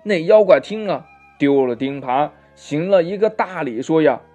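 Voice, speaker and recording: A man tells a classic tale to children in a lively, sing-song voice, drawing out his little particles. His voice sits a bit high, and faint music plays under it. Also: normal speed. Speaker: storyteller. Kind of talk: children's story narration.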